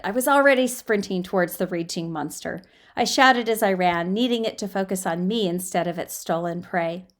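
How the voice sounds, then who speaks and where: An amateur narrator with a lowish voice reads a story aloud in a dramatic, audiobook-style fiction narration. She is expressive and emphatic, though she occasionally stumbles over words.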